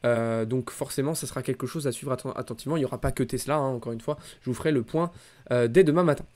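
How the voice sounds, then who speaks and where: Talking fast in a mid-range, darkish voice, this man hosts a weekly markets recap. His take on the financial markets is casual and chatty, with hesitation and frequent repetition.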